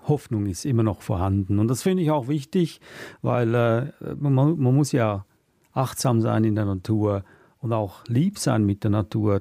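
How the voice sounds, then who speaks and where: A man's voice: fairly low pitch, creaky, warm tone, breathy edge, dry recording. A man hosting a book podcast, wrapping up the episode in a thoughtful, earnest way with some hesitations. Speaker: podcast host. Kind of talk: book review podcast chat.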